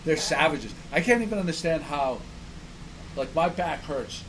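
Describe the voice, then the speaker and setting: Guy hosting outside on the docks, kinda high voice, blunt and animated, noisy background. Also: normal speed. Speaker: podcast host. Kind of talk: casual chat. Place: outdoors on a dock. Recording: outdoor noise behind.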